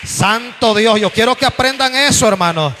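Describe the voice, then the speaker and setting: A man preaching a fervent sermon, often calling his listeners brother and raising his voice near to a shout at times. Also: very high-pitched, lively intonation, normal speed, slight background noise. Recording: long reverb of a hall.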